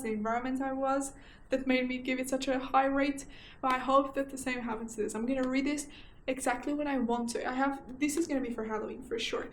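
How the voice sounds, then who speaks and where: A young woman from Portugal with a Portuguese accent talks in a bright, high register. She chats casually and animatedly, often doubling her phrases. The room around her is echoey, with faint ambient noise behind. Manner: chatty and animated, repeats herself for emphasis. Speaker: book vlogger. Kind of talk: casual chat.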